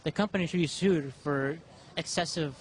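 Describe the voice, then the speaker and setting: A man's voice: on the high side, normal speed, slight background noise. A man giving spontaneous interview answers in an earnest, polite way.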